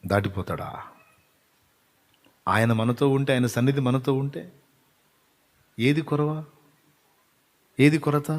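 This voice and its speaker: A man preaching in the style of a fervent prayer, pleading and swinging from hushed whispers to loud impassioned cries. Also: medium pitch, steady tone, a little slow, pauses often, in a large hall. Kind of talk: emotional prayer sermon.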